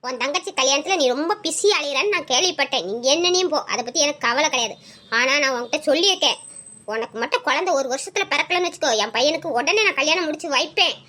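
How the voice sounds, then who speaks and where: A woman's voice: high voice, fast talker, sharp tone. A woman voicing a harsh, domineering mother-in-law who scolds her daughter-in-law in a family drama skit. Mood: scolding.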